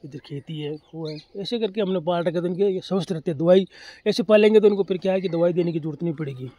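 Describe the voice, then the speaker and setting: Clucking chickens and faint noise fill the background as a poultry farmer from Rajasthan chats to viewers outdoors on his open farm. His voice is high-pitched and quick, the recording muffled but echo-free, and his plain, repetitive explainer style speaks straight to the audience.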